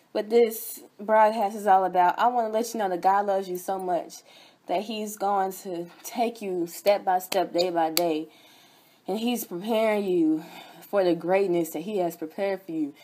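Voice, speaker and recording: A woman's voice: medium pitch, mellow. Fervent young woman preaching. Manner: fervent, repetitive, exclamatory preaching with chanted refrains. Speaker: host and preacher. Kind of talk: energetic sermon broadcast.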